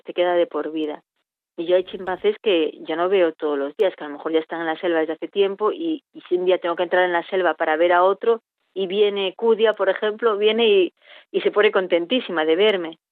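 A woman's voice: fairly low pitch, no echo. Woman on a tinny phone line. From Spain. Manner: reflective, searching for words. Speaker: veterinarian at a chimpanzee sanctuary. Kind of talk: interview answers.

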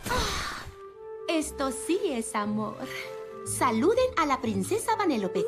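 A woman's voice: sits high, sing-song, slow pace, full character voice. A woman dubbing a sweet, dreamy cartoon princess, gushing in tone. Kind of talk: animated film dub. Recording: film soundtrack with music.

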